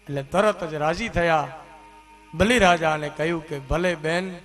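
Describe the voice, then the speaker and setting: A man preaching a religious story discourse, in an animated manner that rises to loud exclamations. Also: fairly high pitch, measured pace, faint music behind. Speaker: katha preacher. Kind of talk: sermon storytelling.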